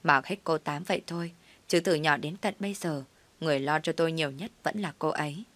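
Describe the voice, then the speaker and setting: A woman narrating a personal story in the first person, in a steady, plain recounting manner. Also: sits low, a little fast.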